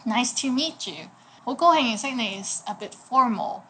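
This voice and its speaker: A woman in her twenties teaching a language lesson in a bright, chatty way, laughing at her own jokes. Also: on the high side, lively intonation, normal speed, a little hiss or hum. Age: 20s. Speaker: Cantonese teacher.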